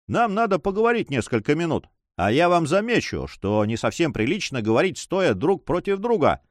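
A man's voice: on the high side, dry recording. A man voicing a cool, mocking male pirate captain who speaks with dry sarcasm, in an audiobook reading. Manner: ironic, coolly sarcastic.

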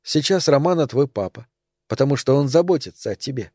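A man reading an audiobook, voicing a young mother who gently tells her daughter about her father. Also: mid-range voice, lively intonation, a little fast, no room sound, studio quality, close to an everyday voice. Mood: tender.

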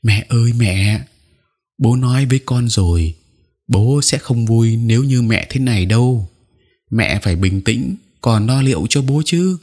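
A man's voice: mid-range voice, unhurried, darkish tone, pitched above the performer's own voice, close to an everyday voice. A man voicing a grieving teenage daughter, pleading with her mother through tears in an audio story.

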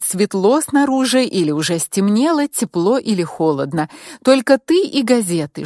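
A woman reading a first-person audiobook in a calm, measured way. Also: fairly high pitch, no echo, studio quality. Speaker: audiobook narrator.

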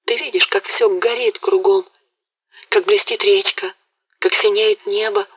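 A woman's voice: medium pitch, slow, sharp tone, breathy edge, voice pushed up, exaggerated voice, poor audio. A woman voicing a tearful, jealous young woman who pleads in a faltering, breathless voice in an audiobook. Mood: pleading. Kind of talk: audiobook character reading.

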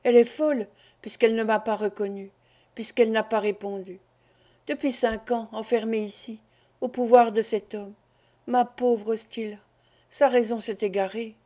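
A woman's voice: a little high, steady tone, normal speed, warm tone, close to an everyday voice. A woman voicing a desperate young male count in a storybook reading, with anguished, fevered outbursts. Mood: distraught.

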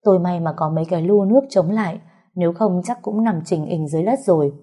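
A woman's voice: on the low side, fast, mellow, husky. A woman narrating a dramatic first-person family story, acting out the quarrels in heated bursts.

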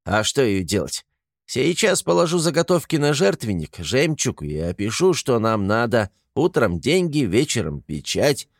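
A man's voice: mid-range voice, very animated, normal speed, vocal fry, no echo, studio quality, pitched above the performer's own voice. A man voicing a hot-tempered, boastful tiny man in an audiobook, blustering and pompous. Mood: sly. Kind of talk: audiobook character voice.

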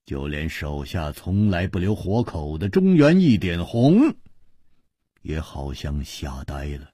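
Male radio storyteller, husky and deep, very animated delivery. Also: slow pace, dry recording, studio quality. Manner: sweeping dramatic swings in pitch and loudness. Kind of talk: dramatic radio novel reading.

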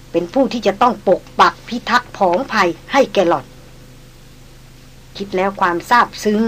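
A woman narrating a novel in an even, measured reading voice. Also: medium pitch, rough recording. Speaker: audiobook narrator.

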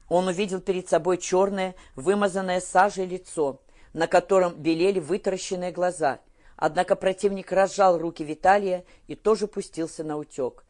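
Woman audiobook narrator, low and deep, steady delivery. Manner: steady storytelling. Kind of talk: scripted narration.

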